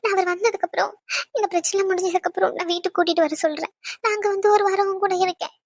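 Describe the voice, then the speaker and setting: A woman's voice: very high voice, fairly even intonation, rapid-fire. A woman playing a fussing, anxious cartoon mother. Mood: pleading. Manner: pleading, fussing, repeating herself. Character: anxious loving mother of a pregnant daughter, middle-aged.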